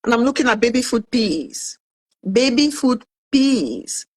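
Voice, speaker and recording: Here the Cameroonian woman, in her fifties and working as an author and food entrepreneur, talks a little slowly in a somewhat high voice. As a guest in a casual interview, she tells her story animatedly and acts out what she said at the time.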